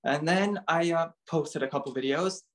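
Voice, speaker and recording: Speaking at a normal speed in a slightly high voice, this young adult guest, a Bulgarian-born model and dancer raised in Canada, keeps the interview chatty and casual. Fillers such as "like" and "um" come up constantly.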